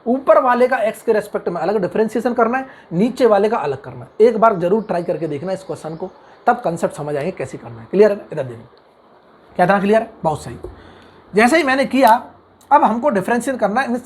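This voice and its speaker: A male tutor with a husky, somewhat breathy voice that sits fairly high for a man. He talks briskly through a calculus lecture, tossing questions at the class and answering them himself. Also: expressive. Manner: acts out imagined student objections in the class's voice. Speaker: engineering mathematics tutor. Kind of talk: online math lecture.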